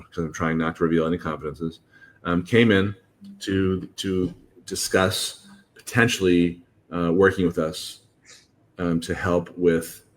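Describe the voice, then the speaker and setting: A man with a very low voice hosts a podcast about college admissions. He explains things casually and often stops to restart his sentences. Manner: halting, many restarts and fillers.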